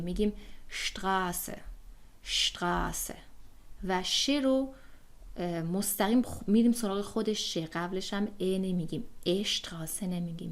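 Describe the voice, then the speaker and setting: A woman's voice: on the low side, gravelly. A woman teaching German pronunciation in an online lesson, explaining patiently step by step with frequent fillers.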